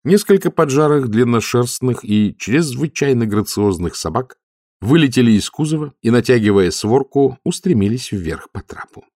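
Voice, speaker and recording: A man narrating an audiobook in a calm, even storytelling manner. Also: medium pitch, moderate pace, no room sound, clean studio sound. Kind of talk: scripted narration.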